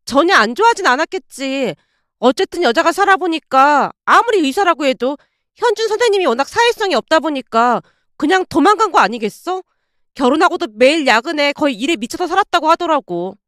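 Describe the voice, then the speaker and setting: A woman's voice: sits high, expressive, a little fast, fairly bright tone, dry recording, studio quality. A woman voicing a chatty female nurse colleague who passes on gossip in a knowing, confiding tone.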